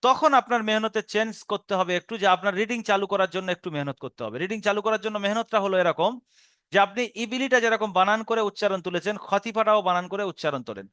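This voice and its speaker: A high-pitched man with a Bengali accent walks learners through a Quran reading lesson one careful step at a time. His voice is smooth and resonant, recorded close and dry with no room sound. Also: sharp tone, no echo. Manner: patient step-by-step explanation, spelling out syllables slowly.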